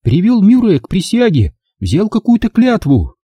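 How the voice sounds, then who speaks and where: Man putting on a shrill flustered young woman. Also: wildly swooping pitch, moderate pace, mellow, breathy edge, no echo, exaggerated voice. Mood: sulky. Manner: shrill, insistent, exclaiming. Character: excitable indignant young woman, flustered sister.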